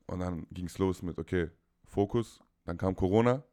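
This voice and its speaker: A young man in his twenties with a very low, deep voice talks casually as a podcast guest. He rambles, stacks up fillers and repeats words as he searches for what to say. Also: normal speed, warm tone. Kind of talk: casual call-in chat.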